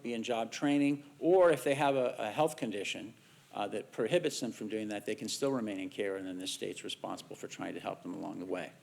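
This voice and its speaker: A middle-aged American man, a researcher giving a conference talk, measured in tone with dry asides. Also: medium pitch, vocal fry. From United States. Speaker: researcher presenting findings.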